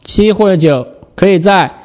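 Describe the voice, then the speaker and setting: A man giving a step-by-step software tutorial, explaining and patiently repeating the key steps. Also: high voice, moderate pace, faint music behind.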